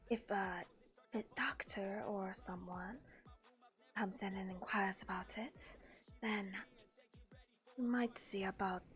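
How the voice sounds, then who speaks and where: Soft whispery woman, halting speech. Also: mid-range voice. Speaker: roleplaying herbal tea expert. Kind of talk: casual in-character roleplay chat.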